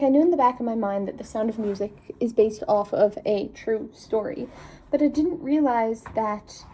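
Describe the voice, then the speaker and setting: A woman in her twenties vlogs about her travels, talking casually to the camera in a high, mellow, husky voice. She's tired at the end of the day and pokes fun at herself. The recording is rough.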